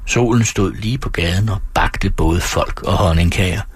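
Casting: male audiobook narrator, deep husky voice, measured storytelling, dry close sound. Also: no echo. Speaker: audiobook reader. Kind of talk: scripted literary narration.

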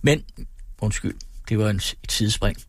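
A man reading a novel aloud on the radio in a measured way, with wry personal asides. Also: on the low side, dry recording, studio quality. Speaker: radio reader.

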